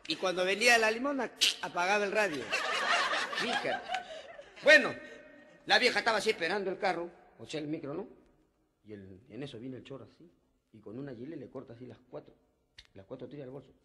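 A man with a Lima Peruvian accent telling jokes in street slang, acting out his characters and breaking into sudden loud shouts. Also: fairly high pitch, animated, brisk, long pauses, noisy background. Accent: Peruvian Spanish, Lima. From Peru. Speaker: comedian. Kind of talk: street comedy storytelling.

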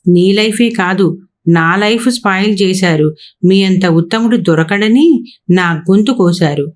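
A proud young wife firing back with resentment, voiced by a woman narrator. She is sharp-tongued and indignant. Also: mid-range voice, unhurried, lightly acted. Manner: retorting, indignant.

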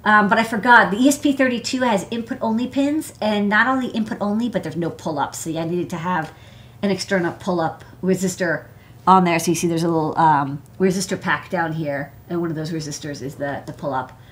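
An American electronics engineer in her thirties or forties hosts a casual live hardware show-and-tell from an indoor desk workspace. Her voice sits on the low side and moves a little fast, rambling and chatty with plenty of "like" and "you know".

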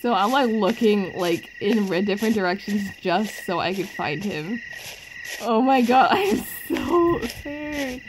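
A woman chatting excitedly and giggling as she plays a scary mobile game, rambling casually between jumps of fright. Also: mid-range voice, a little slow, background noise.

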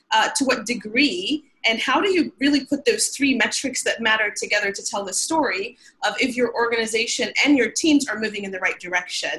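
A woman's voice: a little high, sharp tone, poor audio. A woman from Sudan hosting a webinar over a video call, upbeat and peppered with filler ums. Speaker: webinar host. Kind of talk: webinar presentation. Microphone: webcam on video call.

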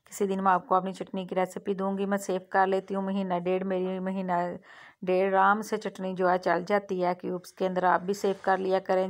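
Homely woman narrating a kitchen vlog. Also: fairly low pitch. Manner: homely, repeats "theek hai" and "mashallah" often. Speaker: cooking channel host. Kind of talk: casual cooking vlog narration. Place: home kitchen.

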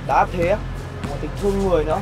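A man's voice: high-pitched, fast, natural voice. An actor playing a kind man who defends the orphan boy he adopted, speaking firmly and reasoning with the mother in a scripted web sitcom. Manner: firm and protective, reasoning calmly. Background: background music.

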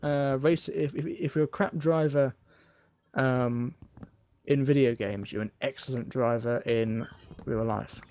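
A man's voice: mid-range voice, fairly even intonation, a little slow, darkish tone. A man hosting a casual gaming session, playful and chatty, who drifts into song and silly voices. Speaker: let's play host. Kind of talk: casual chat while gaming.

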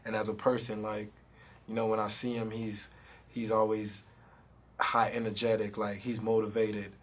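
A young rapper, here as a guest, chats casually in a studio room during an interview, holding a handheld mic. His voice is lowish with little pitch movement and a normal speed, and he sounds laid-back, dropping "you know what I mean" again and again.

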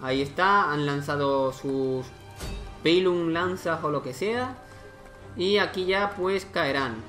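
A man's voice: fairly high pitch, slow pace, fairly bright tone, soft background music. A man giving casual let's-play commentary, thinking aloud and exclaiming as he plays a strategy game. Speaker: gaming YouTuber.

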